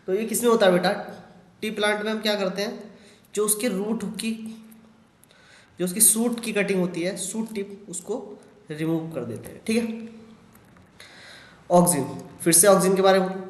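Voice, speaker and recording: Hindi-speaking man teaching biology, echoey room. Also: high-pitched. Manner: addresses students as "beta", frequent "thik hai" and "hai na" check-ins. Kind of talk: exam question walkthrough lecture.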